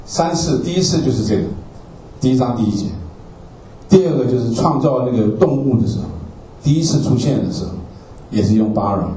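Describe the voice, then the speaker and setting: Animated and fairly quick, this man has a mid-range, dark voice as he explains Bible class slides word by word. He repeats himself, finishes phrases with "ah" and frequently asks "okay?", captured by a roomy, distant mic with faint ambience and a little hiss or hum.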